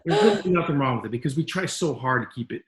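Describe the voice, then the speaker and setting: A man's voice: mid-range voice, expressive, quick pace, echoey room, poor audio. A man hosting a podcast interview, talking in an earnest, rambling, encouraging way. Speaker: podcast host. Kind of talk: casual interview talk.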